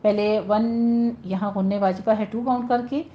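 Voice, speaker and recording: A woman teaching Quran recitation rules in a patient, instructive way, drawing out slow examples. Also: medium pitch, a little hiss or hum. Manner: patient, instructive, drawn-out demonstrations. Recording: dull lo-fi audio.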